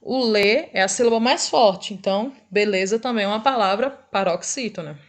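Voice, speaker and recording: Patient woman teacher, Brazilian accent. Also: mid-range voice. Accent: Brazilian Portuguese. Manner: patient, checks in often with tag questions; drags out example words slowly. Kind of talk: recorded class review lesson.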